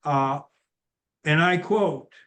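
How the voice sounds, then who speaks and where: A man hosts a relaxed interview over a video call. He talks slowly and in a halting way, restarting his sentences and filling pauses with "uh" and "um". His voice sits a little high for a man. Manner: halting, many fillers and restarts. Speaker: interview host.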